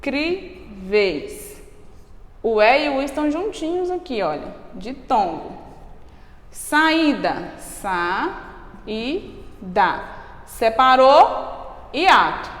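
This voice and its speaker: A woman with a Brazilian accent gives a grammar lesson at an unhurried, deliberate pace, breaking words into syllables and asking "ok?" along the way. Her voice sits a little high. The room rings with echo and a long reverb tail. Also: very animated, fairly bright tone. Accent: Brazilian Portuguese. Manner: slow, spells out syllables, checks with "ok?". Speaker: teacher.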